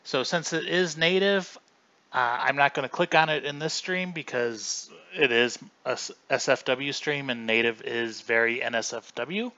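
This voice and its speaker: Man streamer, bright forceful voice, loose casual commentary, dull lo-fi home recording. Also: mid-range voice, moderate pace. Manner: chatty, rambling, often restarts mid-sentence. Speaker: livestream host.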